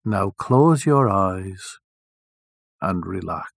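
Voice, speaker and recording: A man leading a guided meditation, speaking softly and soothingly with long, deliberate pauses. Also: low-pitched, animated, creaky, no room sound, clean studio sound.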